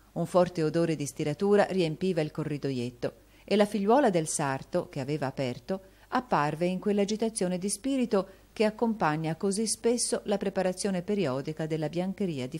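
A woman's voice: fairly low pitch, darkish tone. A woman narrating an audiobook, reading the characters' lines herself with her voice lifted for them. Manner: reads all the characters' dialogue herself, lifting her voice for them. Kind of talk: scripted narration.

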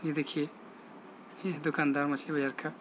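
A man talks through a casual walking vlog, his voice sitting a little high for a man. He narrates into a phone held at arm's length in an outdoor market, calmly pointing out what he sees. Street noise and passing traffic run clearly under his voice. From India. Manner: plain, unhurried tour-guide commentary, pointing things out. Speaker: vlogger.

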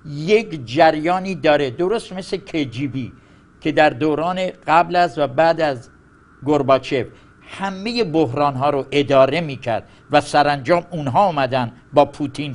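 Emphatic male panel guest. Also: on the high side. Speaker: guest commentator. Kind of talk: political commentary.

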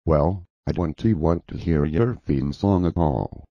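A man's voice: very deep voice, a little slow, no room sound, exaggerated voice. A synthetic male text-to-speech voice playing a stubborn, sarcastic young man who mocks a cartoon dinosaur. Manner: mocking, flat and sarcastic. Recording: dull dry lo-fi audio.

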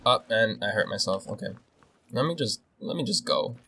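A young man commentating his own game as he plays, excitable and swearing, swinging between nervous muttering and loud outbursts. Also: fairly low pitch, normal speed, creaky, background noise. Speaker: gaming video host. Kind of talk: casual gameplay commentary.

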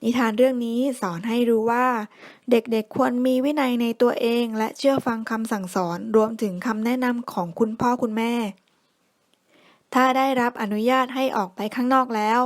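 A woman narrates a children's bedtime story in a clear, expressive read-aloud style. Her voice sits somewhat high for a woman. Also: no echo, clean studio sound.

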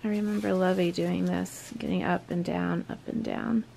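Her lowish voice steady and creaky, a woman in her thirties vlogs casually at a moderate pace, speaking softly and often in a whisper. She films in a wooden barn at night and a farmhouse kitchen, with a faint hiss or hum on the track.

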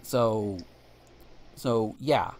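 This podcast co-host's voice is fairly low, a little mellow, and extremely slow. He's a blunt man who swears freely and rants with restarts on the casual show, occasionally reading a news article aloud.

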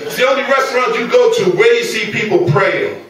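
A man with a Queens New York accent doing stand-up comedy in an animated, streetwise, slangy delivery to a live club crowd. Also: very high voice, a little fast. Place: small comedy club stage. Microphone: handheld stage microphone, filmed from the audience. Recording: echoey club, distant camera, loud crowd laughter.

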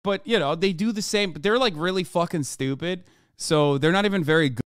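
A man's voice: high-pitched, brisk, fairly bright tone, clean tone, no room sound, clean studio sound. Profane, blunt male streamer. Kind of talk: casual reaction commentary.

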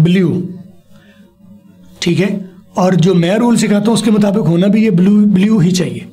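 A male teacher with a gravelly edge and a mellow, relaxed tone, running a spoken language lesson. He models each word slowly and patiently, then has his pupil say it back, with faint music underneath. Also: sits high. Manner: drills words slowly for a pupil to repeat. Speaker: English teacher.

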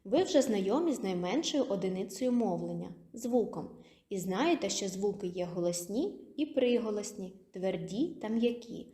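A woman teaching young children a literacy lesson, sounding out words slowly and clearly in an encouraging teacher's way. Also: medium pitch, expressive, mellow. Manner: slow, clearly syllabled, encouraging teacher talk. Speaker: kindergarten teacher. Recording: echoey room.

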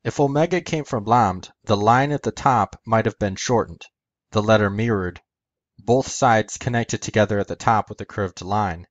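Low-voiced man explaining step by step. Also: normal speed, no room sound, muffled recording. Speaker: educational video host. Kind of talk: scripted explanatory narration.

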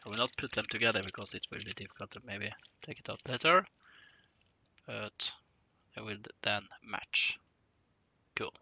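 A man casually narrating an unboxing of simulator parts at his desk, thinking aloud with hesitant pauses. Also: lowish voice, pushed and bright. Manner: slow, halting, thinking aloud with frequent pauses. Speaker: hobbyist unboxing flight simulator cockpit parts. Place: indoor workshop room at a desk. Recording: dull lo-fi sound with clear rustling and clicking noise.

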